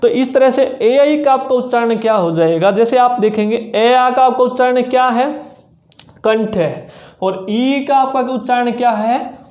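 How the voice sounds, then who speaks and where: A teacher walks through an exam-prep grammar lesson at an unhurried pace, repeating each point. Sounds are spoken aloud one by one as demonstrations, with frequent quick checks that the class is following. The room gives the voice a noticeable echo. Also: medium pitch, a little mellow. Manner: slow, repetitive drilling with frequent "ठीक है" checks. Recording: roomy echo.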